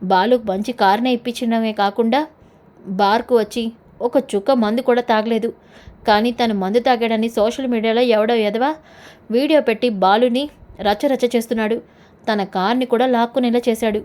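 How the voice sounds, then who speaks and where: Storybook role: a steady, approving politician, read by a woman narrator in her own mellow voice. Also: on the high side, fairly quick, lightly acted. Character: respected male politician, calm and approving.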